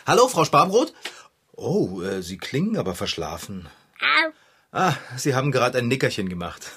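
A cheerful, naive bike mechanic. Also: male voice, medium pitch, big pitch swings, moderate pace, a bit bright, husky. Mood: on phone. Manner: chatty, childlike, easily enthused. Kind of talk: children's audio play.

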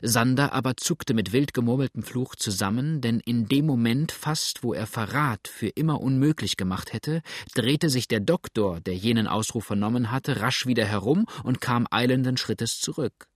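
A male narrator reads an audiobook in a steady, measured way. His voice has a middle pitch, and the recording is dry and close with no room echo.

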